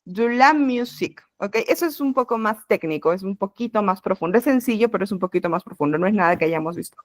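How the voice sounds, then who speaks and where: A woman teaches an introductory language class over a video call. She explains each point patiently and step by step. Her voice sits at a middle pitch, and the sound is close and dry, with no room echo. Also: animated, quick pace. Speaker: French teacher.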